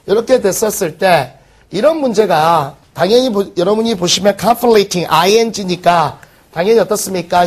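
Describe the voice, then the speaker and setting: A man teaching an exam-prep English lesson, firing quick rhetorical questions at the class. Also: sits high, a little mellow. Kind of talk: recorded exam-prep lecture.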